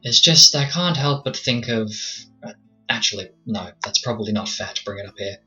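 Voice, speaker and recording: A man's voice: lowish voice, animated, a little fast, bright, forceful tone, lo-fi sound, faint music behind. A man narrating a tabletop roleplaying game as its game master.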